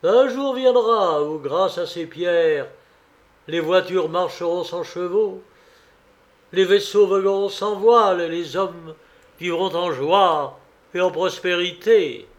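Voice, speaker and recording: A man's voice: high voice, slow pace, voice pushed up. A man voicing a tearful old prophet. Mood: moved, solemn.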